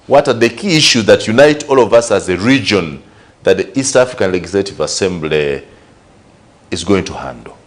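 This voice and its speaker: A Ugandan news show host with a Ugandan English accent speaks in a low, expressive voice at a moderate pace. His commentary on current affairs is conversational, and he repeats and lists his points while posing rhetorical questions.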